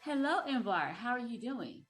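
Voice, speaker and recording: A woman's voice: on the high side, very animated, normal speed, faint music behind. Upbeat woman podcast host. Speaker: podcast host and relationship coach.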